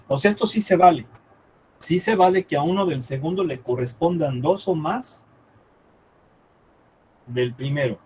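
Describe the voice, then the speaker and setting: A man teaching a math class live, thinking aloud as he draws on the board and checking often with quick questions whether the students follow. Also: on the high side, darkish tone, breathy edge, low-quality recording.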